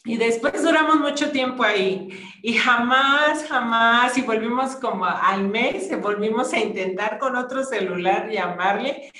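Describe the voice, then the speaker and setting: A woman's voice: a little slow, sharp tone, slight background noise. A woman with a Mexican accent giving a personal faith testimony. She tells it as a story and jumps into quoted voices. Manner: storytelling, acts out quoted voices with sudden high bursts. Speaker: testimony giver. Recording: roomy echo.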